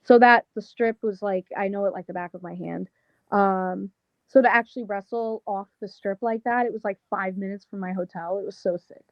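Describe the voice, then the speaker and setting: A young woman with a thick Long Island accent talks loosely and casually, packing her sentences with "like" and "um". Her voice sits at an ordinary pitch. The recording is dry and a little dull, with no room sound around her. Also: steady tone, normal speed, dry recording. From Las Vegas, Nevada. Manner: casual, slangy, lots of "like" and "um". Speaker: pro wrestler, interview guest. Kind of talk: casual interview chat.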